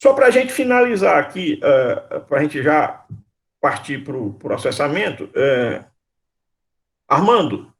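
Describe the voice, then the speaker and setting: A man's voice: on the high side, big pitch swings, slow pace, a bit bright. A man teaching a university class over a video call. He quizzes his students, calls on them by name and repeats his questions patiently. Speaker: university lecturer.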